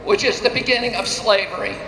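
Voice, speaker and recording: A man giving a declamatory rally speech at an outdoor demonstration, speaking in short phrases with pauses for translation. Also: high voice, heavy background noise. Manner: declamatory, pausing after each phrase for translation. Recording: echoey outdoor loudspeaker sound with reverb.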